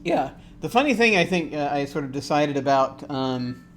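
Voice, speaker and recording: A man running a tabletop game as game master, describing scenes with frequent pauses and restarts. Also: on the high side, big pitch swings, fairly bright tone, soft background music. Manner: hesitant, many fillers and restarts.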